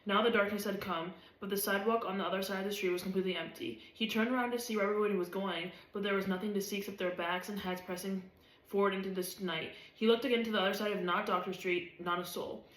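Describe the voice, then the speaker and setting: A woman reading a novel aloud, steady and even. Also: mid-range voice, fast talker. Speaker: reader. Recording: roomy echo.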